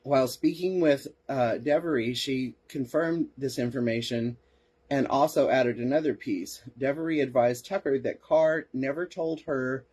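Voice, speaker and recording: A man's voice: medium pitch, measured pace, a little mellow, breathy edge. A man hosting a podcast, reading case reports aloud and breaking off for sarcastic asides and replies to listeners. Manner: sarcastic asides, answers chat comments. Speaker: podcast host.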